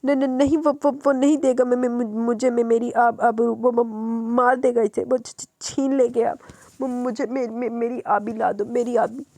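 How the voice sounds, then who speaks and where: Woman doing a weak old dad stuttering, broken and slow. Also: fairly high pitch, little pitch movement, a little mellow, no echo, voice pushed up. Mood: delirious. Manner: stammering, broken. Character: frail older father, delirious after surgery.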